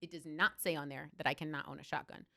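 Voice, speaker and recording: Rapid, bright-voiced woman, impassioned. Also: low-pitched, fairly even intonation, creaky. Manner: impassioned, emphatic storytelling. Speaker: guest, former judge. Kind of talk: candid interview talk.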